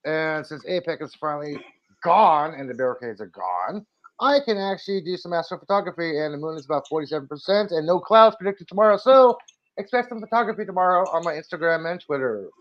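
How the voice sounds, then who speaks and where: A man's voice: a little high, lively intonation, a little fast, muffled recording. A stoned man chatting casually on a panel in a laid-back stoner manner. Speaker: round table panelist, online creator. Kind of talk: casual group chat.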